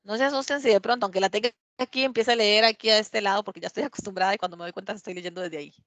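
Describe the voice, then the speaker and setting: Woman, English teacher, dry sound, slow careful examples. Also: medium pitch, steady tone, a bit bright, no room sound. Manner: reads English examples aloud slowly, checks with "¿verdad?". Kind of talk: classroom grammar explanation. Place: classroom.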